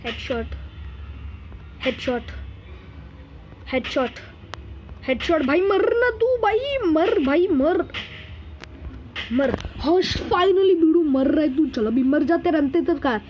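A man doing Oggy, a high chattery cartoon cat. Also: expressive, slow, long pauses, darkish tone, slight background noise, exaggerated voice, rough recording. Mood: excited chatter. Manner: chattery, calls everyone brother, boastful. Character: excitable male cartoon cat gamer. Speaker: gaming video host. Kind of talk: in-character gameplay commentary.

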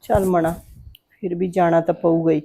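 A woman's voice: on the low side, little pitch movement, normal speed, vocal fry. A woman playing a worried, scheming village mother who scolds and coaxes her daughter in a family drama. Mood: fretful, scheming. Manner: fretful, scolding, loud when calling out. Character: scheming middle-aged village mother, worried and sharp-tongued.

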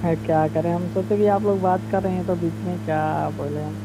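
A woman chatting in a relaxed, chatty way as a teammate in an online game. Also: lowish voice, fairly quick, a loud crowd, poor audio. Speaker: random teammate. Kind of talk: casual in-game voice chat. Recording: voice chat with loud gunfire noise.

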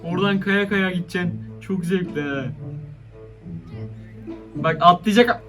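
A man's voice: sits high, unhurried, music in the background. A young man giving casual, slangy commentary on funny video clips, often laughing and exclaiming. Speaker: YouTuber reacting to funny clips.

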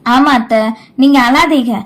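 A dutiful seventeen-year-old granddaughter in an audio novel, soft-spoken and earnest, as a woman reader voices her. Her voice is high. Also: unhurried.

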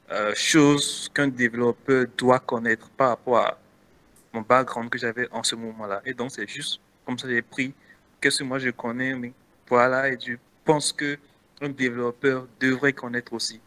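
A man's voice: mid-range voice, fairly even intonation, a little slow, bright, forceful tone. A man with a Beninese French accent answering interview questions casually as a guest content creator, hesitant with many restarts.

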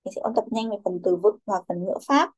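A woman's voice: medium pitch, brisk, a little mellow, husky. A young woman teaching a children's English class, who calls on pupils by name, repeats their answers and mixes English words into her instructions.

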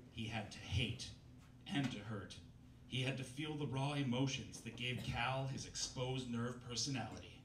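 At a comedy reading night, a man in his thirties reads a novel aloud from a small bistro stage, hamming up the drama and tossing in wry asides for the live audience. His voice is medium-pitched and a bit bright. A far camera picks him up through a stand mic, so the sound is roomy and distant with faint noise.

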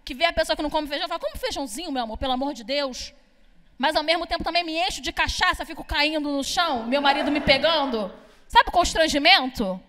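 High-voiced brash woman doing stand-up. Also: fairly bright tone, in a large hall. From Brazil. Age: young adult. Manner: brash, chatty, crowd-teasing, swears freely. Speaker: stand-up comedian. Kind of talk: stand-up comedy set. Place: comedy club stage. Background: audience laughter.

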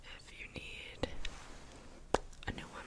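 A young woman whispers fast ASMR rambles right up at a desktop microphone. Her voice is breathy and unvoiced, and she often loops a word over and over. It sounds intimate, recorded in a bedroom at home. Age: 20s. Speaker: ASMR video host. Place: small bedroom at home, indoors. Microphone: close desktop condenser microphone.

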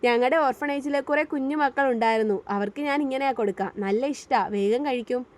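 A woman's voice: high-pitched, normal speed, natural voice. A woman voicing a sulky, cheeky young wife in an audio story, with pouty, sarcastic remarks.

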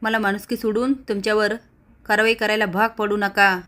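A stern male police officer barks threats and orders at villagers in a retold serial, as a woman narrator puts him on. The voice stays level and flat, with little rise or fall. He lectures more than he shouts. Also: medium pitch, moderate pace, close to an everyday voice. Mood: stern, threatening.

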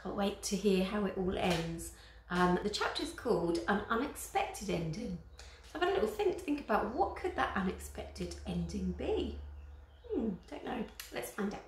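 A woman's voice: mid-range voice, sing-song, normal speed. A female teacher reading a children's chapter book aloud, with chatty asides to young listeners. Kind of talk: storybook read-aloud. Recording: roomy echo.

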